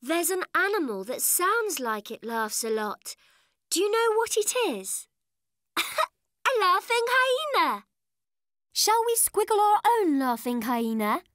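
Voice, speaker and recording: A woman voicing a friendly little male cartoon monster who loves drawing, talking slowly and gently to young children. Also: very high voice, sing-song, dry recording, studio quality, heavily acted. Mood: cheerful. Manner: slow, gentle and cheerful, speaking to children. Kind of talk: cartoon voice acting for preschoolers.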